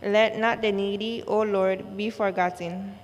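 Woman reading church prayers real slow, long cathedral echo all around her. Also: medium pitch, steady tone. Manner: slow, measured recitation. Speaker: worship leader. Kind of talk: reciting church liturgy. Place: large church. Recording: long church reverb, faint noise.

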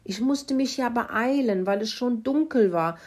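A woman voicing a grumpy, sleepy male pig in a children's story who bellows and whines, husky voice. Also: fairly high pitch, unhurried, a little mellow, voice pushed up. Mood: sheepish. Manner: bellowing, whiny.

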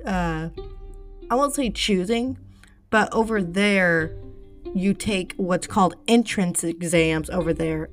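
A woman reading a true-crime script with casual asides, stumbling often, apologizing and using many fillers, with the hiccups. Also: medium pitch.

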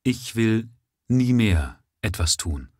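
A man voicing an exhausted young factory worker who speaks softly, calmly and without passion. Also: lowish voice, takes it slowly, no echo, studio quality, exaggerated voice. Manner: calm, soft and passionless.

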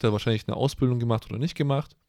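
A man's voice: medium pitch, rapid-fire, a little mellow, dry recording, clean studio sound. A young man chatting casually and crudely as a podcast co-host, rambling and joking. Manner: loose, rambling, crude humor. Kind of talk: casual slangy chat.

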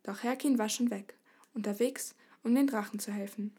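A woman narrating a children's storybook in a lively way. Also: mid-range voice, moderate pace, husky. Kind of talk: storybook reading.

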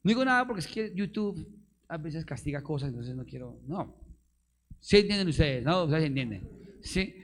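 Male pastor, fairly high voice, punchy call-and-response sermon delivery, playful with the crowd. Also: animated, moderate pace. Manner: call-and-response with the congregation, rhetorical questions, bursts of emphasis; playful, laughs with the audience. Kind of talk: live sermon.

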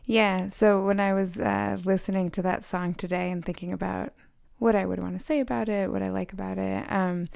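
A woman's voice: medium pitch, fairly even intonation, normal speed, creaky, few pauses, a little mellow, no room sound. A woman co-hosting a podcast, chatting casually about songs in a playful, giggly and reflective way. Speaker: podcast co-host. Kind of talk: casual music chat.

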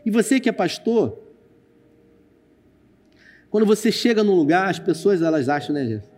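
A man's voice: high voice, very animated, moderate pace, darkish tone, soft background music. A man pastor with a Brazilian Portuguese accent, preaching a sermon and telling a personal story, speaking straight to the congregation with dramatic turns. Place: church stage with screen.

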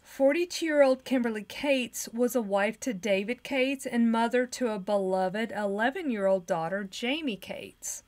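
A woman co-hosts a true crime podcast. She chats casually with her co-host and then reads out the case details at a steady, measured pace in a voice pitched a little above average.

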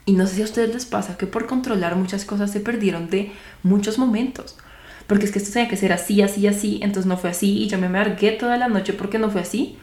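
A young woman hosts a podcast in a reflective monologue, speaking fast with a steady, medium-pitched, darkish voice. She talks earnestly to her listeners and asks them rhetorical questions, and the sound is roomy.

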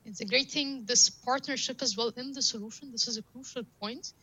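This interview guest, a woman in data science whose first language is Arabic, earnestly describes her work, frequently through analogies. She talks fairly quickly in a fairly high, pushed, bright voice with a breathy edge, on a rough recording.

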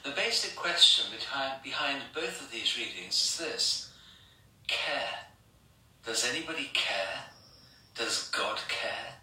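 English male priest, sermon, slow and insistent, distant roomy church sound. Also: medium pitch, expressive, pushed and bright. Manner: measured, repetitive rhetorical questions and lists. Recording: echoey church from far off.

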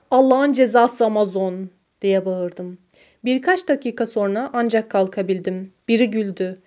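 A woman's voice: mid-range voice, darkish tone. A woman narrating a first-person story as an audiobook, in a dry, matter-of-fact storytelling manner. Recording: dull lo-fi recording.

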